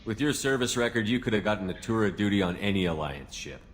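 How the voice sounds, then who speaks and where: A steady male starship commander, voiced by a man in a video game, asking questions levelly and briskly. His voice sits fairly low, with a faint hum behind it. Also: close to an everyday voice. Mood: curious. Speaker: game character.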